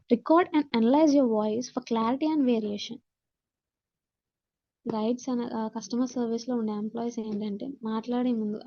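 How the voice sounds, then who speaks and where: A muffled recording captures a woman with a fairly high, warm voice and a Telugu accent. As an instructor, she goes through slides, reading points out and then explaining them with repetition, switching between Telugu and English.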